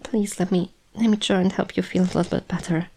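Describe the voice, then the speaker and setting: A woman's voice: lowish voice, steady tone, fast talker, creaky, a little mellow, slight background noise. A woman playing a proud but anxious snake-bodied monster woman in an audio role-play, speaking hesitantly and stammering to the listener. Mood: remorseful, tender.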